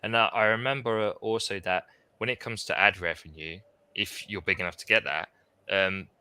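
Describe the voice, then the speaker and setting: A man's voice: on the low side, steady tone, normal speed, sharp tone, smooth. A man guest on a chat stream, explaining at length in a casual way, with plenty of fillers.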